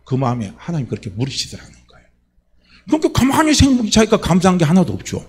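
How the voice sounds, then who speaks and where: A male pastor preaching a sermon, asking the congregation rhetorical questions in an animated delivery. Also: high-pitched, fast talker, husky.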